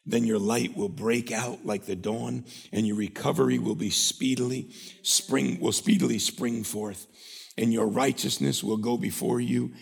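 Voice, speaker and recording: A man preaching a sermon as pastor, building in fervor and often clearing his throat. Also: mid-range voice, steady tone, measured pace. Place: church sanctuary. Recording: long reverb of a church hall.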